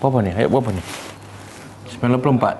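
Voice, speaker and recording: Against a noisy background, a middle-aged man with a mid-range voice and a Malaysian Malay accent teaches Quran study. He's a religious teacher who frequently fires short questions at his students and slowly recites verses.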